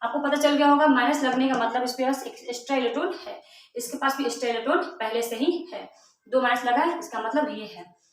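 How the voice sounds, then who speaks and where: A woman's voice: high voice, fairly quick. A woman chemistry teacher, lecturing casually and giving the atoms playful little voices. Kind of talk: classroom lecture. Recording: very echoey room, voice from far off.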